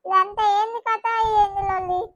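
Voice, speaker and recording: A woman's voice: very high voice, steady tone, normal speed, a bit bright, no room sound, dull audio. A woman voicing a scolding old village mother-in-law with a Telangana accent, nagging in a sing-song way. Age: older.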